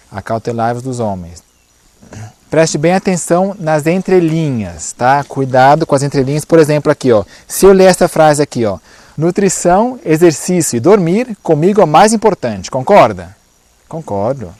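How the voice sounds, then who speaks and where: A man's voice: on the high side, a little mellow, no room sound. A man giving a church conference lecture, explaining points and checking in often with short asides. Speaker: conference speaker.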